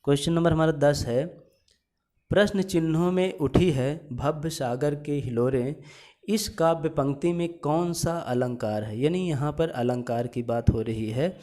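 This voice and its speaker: A man with a warm, slightly high voice and a somewhat slow delivery teaches an exam-prep class. Step by step, he handles the exam questions by asking and answering them himself, repeating each answer as he goes.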